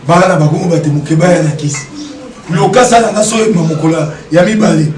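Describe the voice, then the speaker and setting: A man's voice: fairly high pitch, brisk, reverberant, far from the mic. A man, talking as an interview guest, emphatic and repeating his rhetorical questions. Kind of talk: animated interview talk, mixing French and Lingala.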